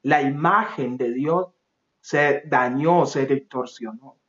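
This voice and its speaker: A man preaching a sermon with passion, swinging from loud pleading to low, soft phrases. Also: slow, reverberant, lo-fi sound.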